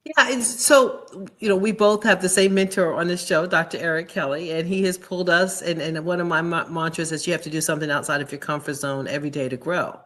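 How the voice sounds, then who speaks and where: A woman host talking up business lessons in a lively, motivational way, tagging her points with "right?". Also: fairly low pitch, brisk, hardly any pauses. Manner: upbeat, tags lines with "right?". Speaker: show host and business speaker.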